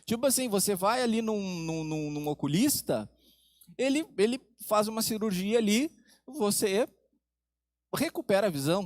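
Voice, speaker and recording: Guy preaching a sermon, high voice, drops soft n slow for big points, asks the crowd questions, dry close sound. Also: no room sound. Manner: preaching with dramatic pauses, dropping low and soft for emphasis. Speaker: pastor.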